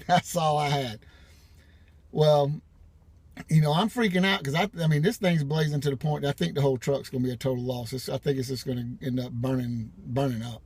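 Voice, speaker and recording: A man's voice: mid-range voice, fairly even intonation, normal speed, darkish tone, husky, no room sound. A middle-aged man telling a casual, rambling story about his own life, full of restarts and everyday slang. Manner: rambling, colloquial, frequent restarts. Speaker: vlogger.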